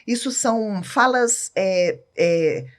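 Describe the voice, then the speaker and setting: A woman's voice: mid-range voice, animated, slow pace. A Brazilian woman talking as a podcast guest, emphatic and candid, often checking that the listener follows. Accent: Brazilian Portuguese. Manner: emphatic, keeps asking "entende?".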